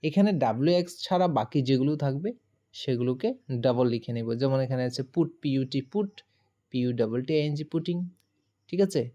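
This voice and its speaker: A woman's voice: very deep voice, animated, fairly quick, warm tone, highs cut off. Woman teacher spelling out grammar rules. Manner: explains step by step, spells words letter by letter, asks the listener questions. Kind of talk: grammar lesson.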